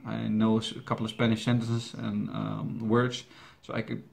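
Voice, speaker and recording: This YouTube reaction channel host is a young man from the Netherlands whose first language is Dutch, answering viewers' questions in English. His gravelly voice sits on the low side and stays monotone at a normal pace. Expect rambling, joking replies full of hesitation, filler words and false starts.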